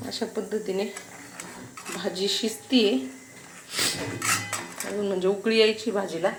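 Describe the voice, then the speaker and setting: A woman in her thirties with a Marathi accent talks through her kitchen routine in a relaxed, chatty way, explaining each step as she works. Her pitch sits in an ordinary middle range. Faint clatter of pots and dishes stays in the background. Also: a little slow, reverberant, noisy background. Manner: calm chatty explaining, raises voice to call her children. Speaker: family vlogger. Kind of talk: casual vlog narration while cooking. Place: home kitchen.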